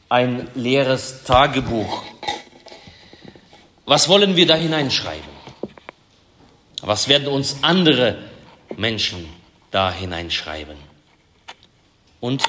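A man preaching a sermon as pastor in a church, slow and measured, rising for emphasis. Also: mid-range voice, a bit bright, slight background noise. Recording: long reverb of a church hall.

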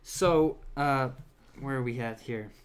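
A man with a medium-pitched, clean voice reads a children's horror book aloud at a slow pace. He keeps breaking off to laugh and toss in casual asides, using lots of fillers as he comments along the way.

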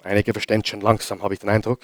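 A pastor with an Austrian German accent preaches a sermon, hammering home repeated phrases, questioning the congregation, and swinging between loud and hushed delivery. His voice is lowish and level, his pace rapid-fire, and the studio-quality recording has no echo.

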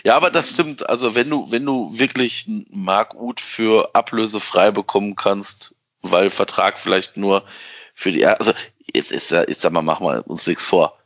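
A man's voice: fairly low pitch, moderate pace, fairly bright tone. Man, casual football chat, lo-fi sound. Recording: dull lo-fi sound.

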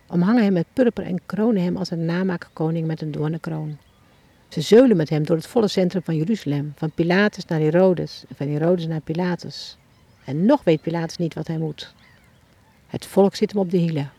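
A woman tells a devotional story as an eyewitness, turning again and again to the listener with questions. Her voice is gravelly and has a husky edge. She sounds like a children's author reading her own story aloud. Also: fairly low pitch, dark tone, no room sound. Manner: addresses the listener directly with questions, as if standing at the scene.

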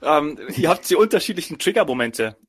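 A man's voice: on the high side, animated, a little fast, husky, dry recording. A man hosting a podcast, asking guests questions and rephrasing them loosely as he goes. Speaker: podcast host. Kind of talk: casual interview questions.

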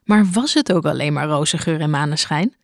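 Documentary narrator, calm and measured, dry close recording. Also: medium pitch, gravelly, dry recording. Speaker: interviewer and narrator. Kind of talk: scripted documentary narration and interview questions.

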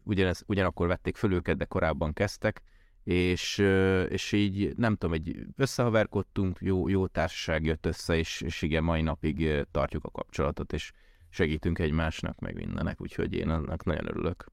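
Very deep, clean-voiced man in casual conversation. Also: steady tone, creaky, dry recording, studio quality. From Hungary. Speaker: podcast guest, tech worker who moved abroad. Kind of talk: casual interview talk.

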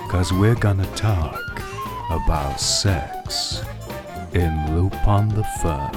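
A deep, velvety late-night announcer, put on by a man, who drawls every word with lazy seduction. His voice swoops dramatically from low purrs to lingering highs. Clear jazz guitar plays behind him. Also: wildly swooping pitch, full character voice. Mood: seductive. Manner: slow seductive crooning. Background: jazz guitar music.

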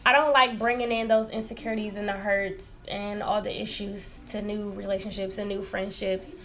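A woman chats casually as a podcast co-host in a medium-pitched voice. Her way of talking is informal and reflective, as if confiding something personal. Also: flat delivery, normal speed. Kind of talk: casual chat. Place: room in a library.

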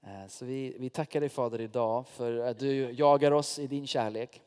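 A man's voice: mid-range voice, a little mellow, clear, resonant tone. Male pastor, casual conversational preaching, recorded in a church with long reverb. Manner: informal, direct address to the congregation, personal stories. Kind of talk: sermon.

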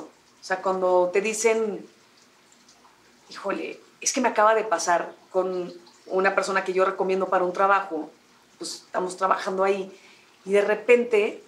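A woman with a Mexican accent, a guest telling a personal story in candid conversation and mimicking others with a high voice. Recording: echoey room.

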